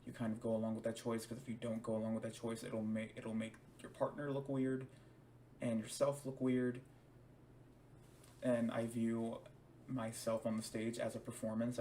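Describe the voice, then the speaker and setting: A young man who works as a DJ and stage performer tells a personal story to the camera, hesitant and often restarting or repeating words. His voice is medium-pitched and a little mellow, picked up by a distant mic with a little hiss or hum.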